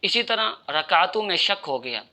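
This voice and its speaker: Bright-voiced man teaching prayer rules. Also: sits high, sing-song, normal speed. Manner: explanatory, methodical, addressing listeners directly. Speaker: Islamic religious teacher. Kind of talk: religious instruction.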